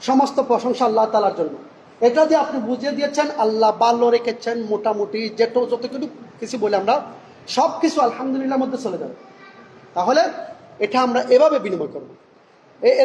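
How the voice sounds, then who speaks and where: A man delivering a Friday sermon in a mosque, asking rhetorical questions and answering them himself, and reciting Arabic phrases slowly and carefully. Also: extremely high pitch, a little mellow. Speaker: preacher. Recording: echoey hall reverb, faint room noise.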